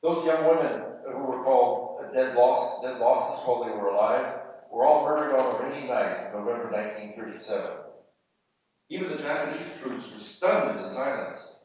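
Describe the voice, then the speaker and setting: A man reading fiction aloud at a literary event, measured and deliberate with pauses, in a university hall. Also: mid-range voice, a little mellow. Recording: echoey hall, distant mic, muffled.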